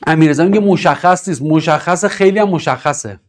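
A man teaching English grammar in a live online class, reading and answering the chat and driving his points home with emphatic repetition. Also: a little high. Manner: lively, emphatic, repeats key points.

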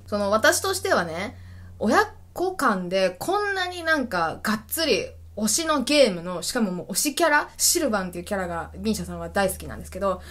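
A woman's voice: medium pitch, a bit bright. A woman hosting her own web radio show alone, talking in a casual, enthusiastic way and laughing often, with a stuffy nose. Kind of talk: solo casual radio talk.

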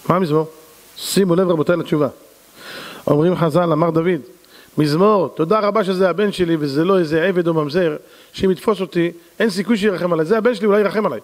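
A man, a rabbi, preaching a sermon in an animated, storytelling manner. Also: fairly high pitch. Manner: animated, acts out characters. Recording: long hall reverb.

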